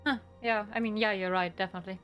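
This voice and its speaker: A woman's voice: medium pitch, steady tone, fast talker, a bit bright, clear, resonant tone, soft background music. Woman player chatting at a tabletop game. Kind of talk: casual game-table discussion.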